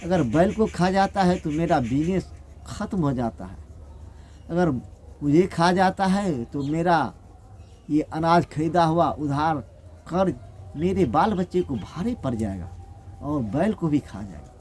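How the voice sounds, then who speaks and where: A man's voice: on the high side, lively intonation, unhurried, a little mellow, slight background noise. Man doing a despairing village merchant. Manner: pleading, despairing. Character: frightened wailing village grain merchant man.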